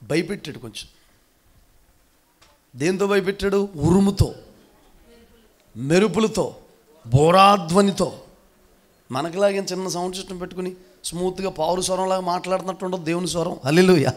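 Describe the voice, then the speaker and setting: A man's voice: high-pitched, moderate pace, pauses often. A male pastor preaching a fervent sermon to his congregation in church, calling out hallelujah again and again. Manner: fervent, calls for loud hallelujahs, often addresses congregation as beloved.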